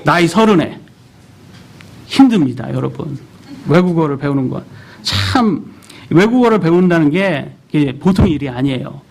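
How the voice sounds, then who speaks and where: A man in his thirties delivers a sermon in a church, his voice pitched high and swinging through a wide, lively range. He keeps turning to the congregation with questions. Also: moderate pace, gravelly. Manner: animated, asks the congregation questions. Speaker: preacher.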